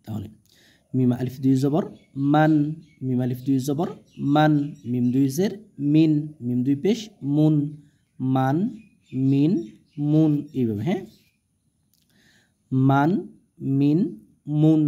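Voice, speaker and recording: A man with a Bangladeshi Bengali accent teaching Quran reading in a slow, patient lesson, drawing out each syllable and checking in with the learner. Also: medium pitch, warm tone, dull audio. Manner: drawn-out syllables, patient explaining, asks "ঠিক আছে?". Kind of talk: slow step-by-step recitation lesson.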